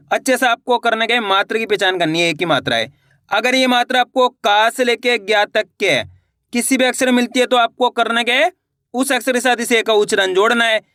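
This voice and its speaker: A man teaching beginners to read, sounding out syllables slowly one by one and answering his own questions. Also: very high-pitched, bright, forceful tone, no room sound, studio quality. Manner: slow, drilled syllable-by-syllable sounding out; asks the viewer questions, then answers them himself. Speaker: Hindi reading teacher. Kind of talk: online reading lesson for beginners.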